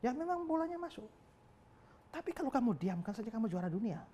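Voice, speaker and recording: A man's voice: very high-pitched, sing-song, fast talker, dark tone, slight background noise, pitched above the performer's own voice. A man voicing a reporter pressing with insistent questions. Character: pushy male reporter questioning.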